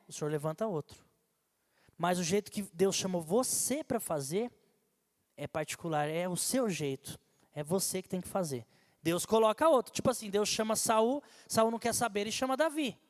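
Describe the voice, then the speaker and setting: A man pastor preaching a sermon to his church in a conversational, animated way. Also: high voice. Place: church sanctuary. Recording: long hall reverb from a church.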